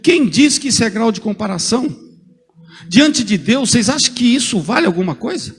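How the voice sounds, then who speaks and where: A man preaching a sermon as a pastor, lively and joking, calling on people in the congregation by name. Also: extremely high pitch, a little fast, husky, long reverb tail.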